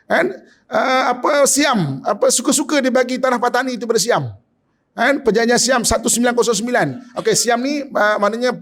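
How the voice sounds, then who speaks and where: Malaysian malay guy preaching in a mosque talk, high voice, keeps going "kan?", drops low then gets loud. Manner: rhetorical, keeps asking "kan?"; swings from low asides to raised, near-shouted points. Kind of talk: mosque lecture.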